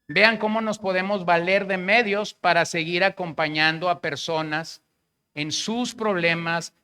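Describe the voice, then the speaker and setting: A man's voice: high-pitched, sharp tone, clean tone. A man with a Mexican Spanish accent preaching a sermon as pastor, in a conversational way, acting out the words of the people he quotes.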